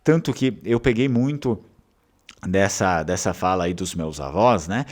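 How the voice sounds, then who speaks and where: A deep-voiced channel host from southern Brazil talks a little slowly in a southern Brazilian Portuguese accent. His delivery is casual and wandering, crowded with fillers and restarts.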